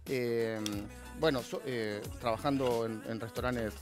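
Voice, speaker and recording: A man in his thirties from La Plata, with an Argentine Spanish accent, explains his recipe as a chef in a TV studio kitchen, music playing in the background. His mid-range voice is steady and measured, though he restarts hesitantly in this cooking demonstration chat.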